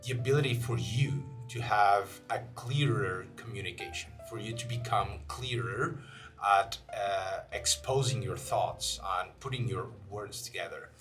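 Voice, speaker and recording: A young Portuguese man hosts his channel, speaking casually to camera in English with a Portuguese accent. His voice sits on the low side, a little slow and slightly bright, with many fillers and restarts. Faint guitar music plays in the background.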